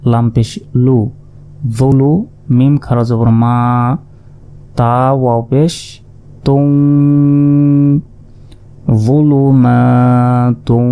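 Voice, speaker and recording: A man with a Bangladeshi Bengali accent teaches Quran reading at a slow, careful pace, his voice warm and dark. He spells out each letter and vowel mark, then draws the syllables together into the full word. His pitch stays level and even throughout.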